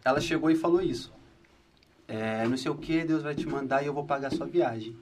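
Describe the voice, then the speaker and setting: Young guy telling a story on a podcast, lively, a bit far from the mic. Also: a little high, brisk, slight background noise. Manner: animated storyteller, acts out quotes. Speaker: podcast guest. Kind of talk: casual chat, storytelling.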